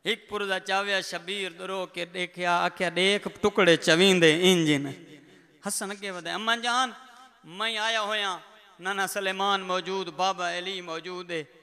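A man's voice: high voice, steady tone, a little slow, sharp tone, clear, resonant tone. A man, a religious orator, delivering a mournful sermon recitation and moving between speech and tearful sung lament. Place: large prayer hall. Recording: long reverb of a large hall.

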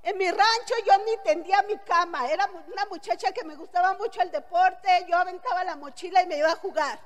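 A woman's voice: very high-pitched, a little fast, in a large hall. A middle-aged Mexican woman giving a blunt, earthy, joking testimonial speech to an audience. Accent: Mexican Spanish. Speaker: motivational speaker.

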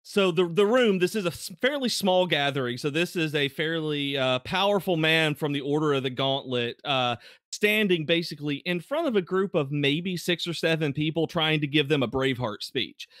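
A man narrating as game master in a relaxed, casual way, with frequent fillers and restarts. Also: a little high, moderate pace, no echo, clean studio sound.

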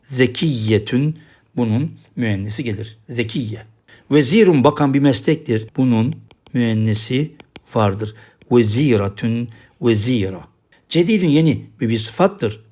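A man's voice: mid-range voice, expressive, unhurried, darkish tone. A man teaching a recorded language lesson, patiently drilling each word and repeating the same checks. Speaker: Arabic teacher.

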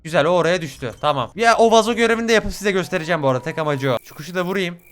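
A man's voice: high voice, animated, very fast. A young man commentating a horror game, swearing often and shrieking at scares. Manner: swears a lot, yells and shrieks at jumpscares. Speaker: gaming YouTuber. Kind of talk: let's play commentary.

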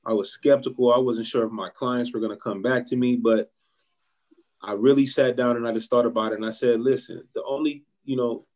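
A man's voice: mid-range voice, brisk. A man who owns a barbershop and is from Ohio, talking casually in an interview and giving encouraging advice while calling people "man" a lot. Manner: relaxed, says "man" often, motivational. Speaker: barbershop owner, guest.

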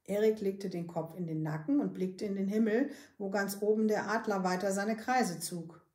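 A woman, a librarian, reading a children's book aloud with calm, steady storytelling. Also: mid-range voice, moderate pace, roomy sound.

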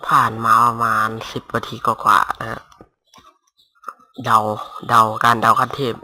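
A young man casually commentating his Minecraft game at home on a headset mic, talking softly and rambling. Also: medium pitch, flat delivery, a little slow. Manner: rambling, talks softly to avoid disturbing neighbors. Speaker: gaming YouTuber. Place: home room. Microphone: cheap gaming headset mic.

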